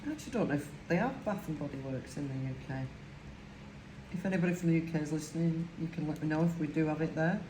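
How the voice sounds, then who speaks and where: A crafting vlogger from Lancashire, England, this older woman speaks quickly in a low-pitched voice with a broad Lancashire accent. She rambles casually, filling her talk with fillers, while working indoors at home in an echoey room with a faint hiss.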